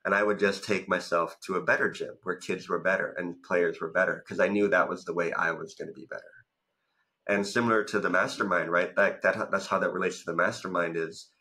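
A Thai man in his thirties, a business coach and founder, chats as a guest in a casual interview about his business journey, telling stories and leaning heavily on "like." His voice is deep, bright, and forceful, with fairly even intonation and a brisk pace. He is on a video call from a room at home, using a studio mic in front of him, and the audio quality is poor.

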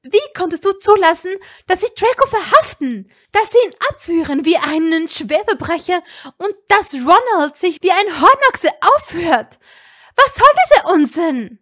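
A woman's voice: sits high, expressive, measured pace, darkish tone, slightly rough, pitched above the performer's own voice, heavily acted. A woman reading a fan audiobook, voicing a determined young witch who speaks urgently and scolds sharply. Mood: furious.

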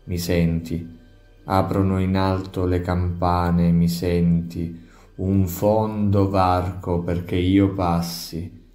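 A man giving a soft, measured, intimate poetry reading, trailing off at each refrain. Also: low voice, echoey room. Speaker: poetry reader.

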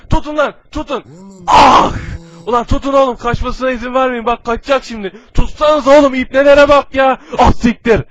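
A man dubbing a furious, swearing male cartoon villain who shouts threats in a comedic fan dub. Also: very high-pitched, no echo, muffled recording.

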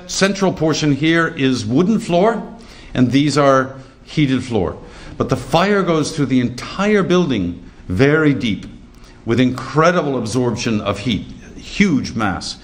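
An older man giving a lecture over slides, animated and emphatic, slowing right down to stress key points. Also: medium pitch.

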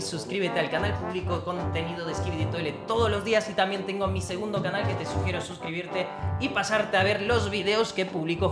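A woman hosting a video reaction, commenting excitedly and swinging between shouts and low muttering. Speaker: YouTube reaction host. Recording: roomy echo with loud music behind.

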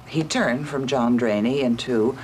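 A man's voice: medium pitch, measured pace, slight background noise. A man, a colleague, reminiscing in an interview and telling a fond anecdote.

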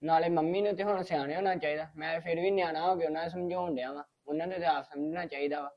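A man's voice: on the high side, fairly even intonation, quick pace, highs cut off. A man playing a son who earnestly explains himself to his elders in a family web drama.

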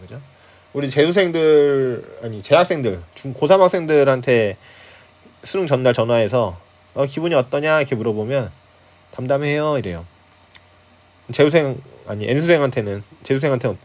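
A man teaching high school Korean literature from a class handout at home, in a conversational way that keeps checking in with his students. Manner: starts phrases with a prompting filler, chuckles now and then. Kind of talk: online lecture on a class handout.

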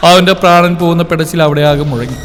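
A man reading out a story as its storyteller, with a steady, dramatic delivery. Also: a little high, quick pace. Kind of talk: scripted story narration. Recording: long reverb, soft music behind.

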